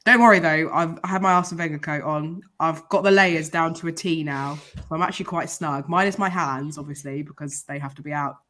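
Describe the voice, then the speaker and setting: A hoarse woman co-hosting a football podcast, losing her voice but wry and self-mocking. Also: low-pitched, brisk, hardly any pauses, fairly bright tone. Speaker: podcast co-host.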